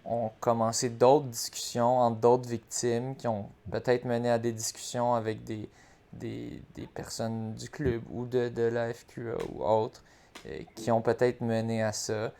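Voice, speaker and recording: A man with a Quebec French accent talking casually and speculating, haltingly, with repeated words. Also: medium pitch, flat delivery, gravelly, dark tone, slight background noise.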